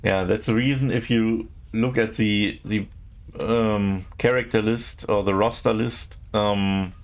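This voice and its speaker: A game streamer chats casually with viewers on a live stream, his gravelly, fairly low voice holding a fairly even intonation. English isn't his first language, and he talks haltingly, searching for words and using many fillers.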